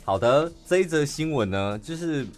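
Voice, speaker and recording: A man's voice: a little high, moderate pace, soft background music. A man with a Taiwanese Mandarin accent, co-hosting a casual podcast chat and retelling a news story with lots of filler particles. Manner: chatty, frequent filler particles, animated retelling. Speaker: podcast co-host.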